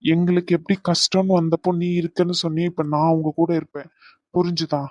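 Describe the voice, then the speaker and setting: A teasing, doting young man, played by a woman in a homemade audio drama romance. The voice sits lower than her usual, coaxing and playful, close and dry. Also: level tone, fairly quick, a little mellow, no room sound, lightly acted. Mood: affectionate teasing.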